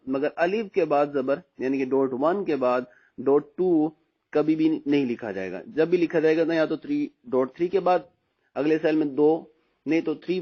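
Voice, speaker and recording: A man with a Pakistani Urdu accent teaching how to read the Quran in braille. His voice sits a little high. He patiently explains, then slowly draws out each letter sound. The recording is dull and lo-fi. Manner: slow, drawn-out recitation of letter sounds between explanations; patient, repeats "theek hai" often.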